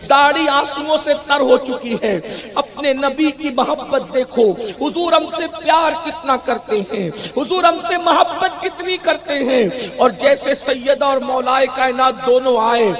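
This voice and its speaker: A male preacher delivering an emphatic, rhetorical sermon to a large gathering, often calling out that God is great. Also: extremely high pitch. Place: large outdoor religious gathering.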